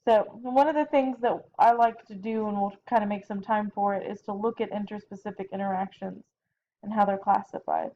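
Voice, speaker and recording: A woman's voice: mid-range voice, fairly even intonation, fairly quick, dark tone. A tired woman biology teacher giving a chatty recorded lecture from home, correcting herself and adding casual asides. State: tired, yawning. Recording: dull lo-fi home recording with faint noise.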